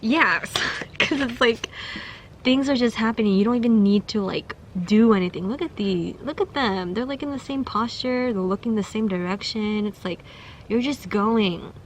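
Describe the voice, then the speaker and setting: This young tarot reader chats and giggles her way through a casual pick-a-card reading, full of fillers and restarts. Her voice sits fairly high at a normal speed, with a little background noise.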